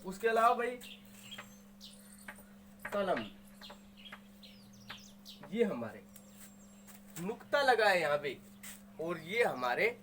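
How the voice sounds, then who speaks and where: A high-pitched male voice, somewhat bright, comes through over faint background noise as he explains Hindi grammar to students. He enunciates each word, says it again patiently, and supplies answers to the questions he raises.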